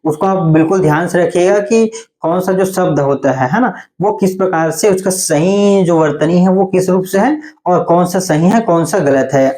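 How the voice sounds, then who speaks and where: A male teacher giving an online Hindi spelling class. He explains slowly and patiently, often stopping to ask whether it is clear. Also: on the high side, darkish tone. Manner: explains patiently, often says "theek hai" to check in.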